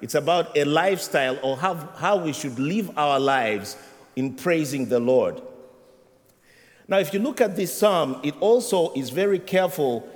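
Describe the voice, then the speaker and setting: A middle-aged Ugandan-accented man preaches to his congregation, humorous and conversational. His voice sits a little high. The sound carries a long hall reverb from the church. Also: expressive, unhurried. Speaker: associate rector. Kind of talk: sermon. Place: church sanctuary.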